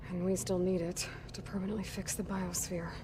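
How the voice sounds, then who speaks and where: A woman acting as a guarded young adventurer in a video game, wry and determined. Her voice sits on the low side and she speaks in a dry, direct manner. Noise is clear in the background. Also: level tone, a little fast, lightly acted. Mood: concerned. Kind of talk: video game character dialogue.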